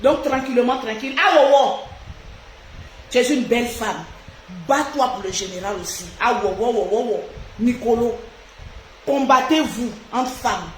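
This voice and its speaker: Outspoken woman live-streaming, high voice. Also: normal speed. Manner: outspoken and animated, addressing viewers directly. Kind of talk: casual live-stream monologue. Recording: echoey room with faint noise.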